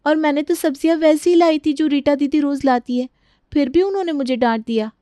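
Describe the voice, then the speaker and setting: A woman's voice: high-pitched, brisk, dark tone, dry recording, clean studio sound, voice pushed up, lightly acted. A woman voicing an earnest young daughter-in-law in a cartoon story, with pleading, indignant questions.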